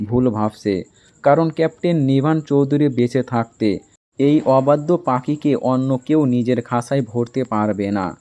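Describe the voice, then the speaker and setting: A man's voice: mid-range voice, mellow, muffled recording, lightly acted. A man reading a domineering young captain. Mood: stern possessive. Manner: slow, stern, emphatic.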